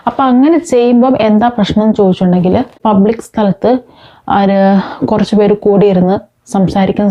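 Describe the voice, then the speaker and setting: A woman with a fairly high voice hosts a parenting talk, speaking informally to viewers and explaining with examples while mixing in English words. The sound is lo-fi.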